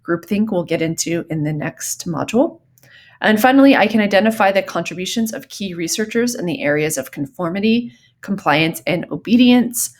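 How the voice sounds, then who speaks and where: A woman's voice: fairly low pitch, lively intonation, brisk. A woman from Southern California giving recorded psychology lecture notes in a conversational way, with frequent ums and the odd y'all. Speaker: psychology teacher.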